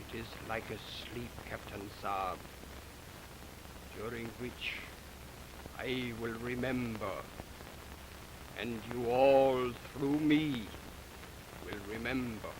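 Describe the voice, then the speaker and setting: A grave Eastern mystic, early talkie film. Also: male voice, mid-range voice. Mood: solemn. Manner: slow, measured, grave. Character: solemn Eastern mystic man, hypnotist. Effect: early talkie film sound. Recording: noisy early film soundtrack.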